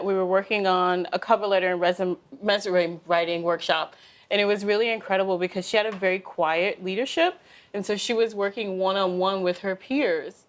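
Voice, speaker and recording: A woman in her thirties, a youth mentor, answering interview questions in a composed and articulate way. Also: medium pitch. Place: television studio.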